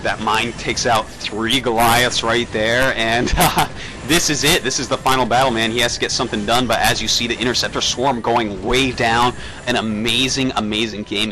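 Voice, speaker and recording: A man's voice: mid-range voice, bright, forceful tone, poor audio. A man doing enthusiastic live commentary, calling out the plays. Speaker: esports co-caster.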